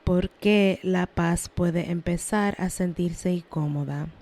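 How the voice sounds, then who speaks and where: Woman, young adult, solo podcast host; unhurried, calm, earnest delivery. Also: on the low side. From Lawrence, Massachusetts, USA. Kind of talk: reflective solo podcast monologue.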